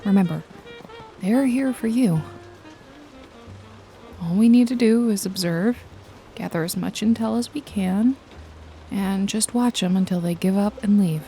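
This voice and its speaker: This noir ASMR roleplay features a woman as a jaded detective and hired killer, addressing the listener in a one-sided, intimate dialogue against rain effects and jazzy music. Her warm, medium-pitched, everyday-sounding voice moves at a measured pace with frequent pauses. Watchful and matter-of-fact, she is also sardonic, foul-mouthed, nonchalant, teasing, and casually menacing.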